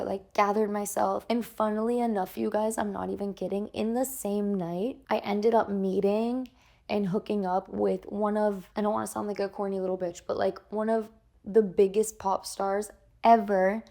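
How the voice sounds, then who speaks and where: A woman's voice: medium pitch, vocal fry, darkish tone. A young woman telling a candid personal story on a podcast, chatty and casual, filling her speech with "like" and swearing freely. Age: young adult. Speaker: podcast guest.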